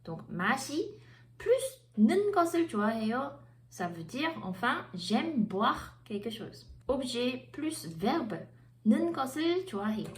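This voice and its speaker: A Korean-native woman teaching a language lesson, explaining slowly and carefully and switching between two languages. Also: high voice, big pitch swings, reverberant, slight background noise.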